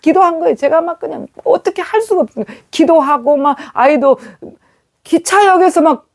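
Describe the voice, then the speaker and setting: A woman's voice: high voice, normal speed, darkish tone. A middle-aged woman giving a sermon testimony, telling a story animatedly with quoted dialogue. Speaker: preacher.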